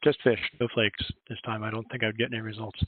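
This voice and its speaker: This Philadelphia-accented librarian speaks fast in a fairly low, flat voice while giving a chatty, rambling workshop presentation on a video call. He corrects himself along the way, and the dry, tinny, phone-like audio carries a little hiss or hum.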